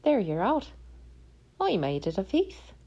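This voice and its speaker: A woman voicing a crafty little male leprechaun who talks in sly, quick, high-pitched banter. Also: huge pitch swings, warm tone, highs cut off, heavily acted.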